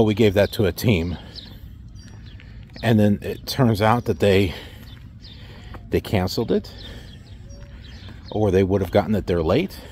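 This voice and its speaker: A man's voice: lowish voice, warm tone, slight background noise. A middle-aged man talking casually into a phone held at arm's length in an outdoor parking lot, wry and full of rhetorical questions as he recounts his trucking job. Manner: wry, rhetorical questions, mocks company replies. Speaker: truck driver vlogger. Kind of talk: casual talk to camera.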